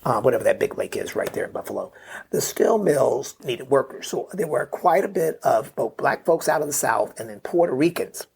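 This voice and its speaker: His voice is medium-pitched and creaky, with lively intonation at normal speed: a middle-aged memoir author guesting on a podcast. He loosely recounts a family story in interview conversation, sprinkling in "right?" and "you know." Slight background noise is present.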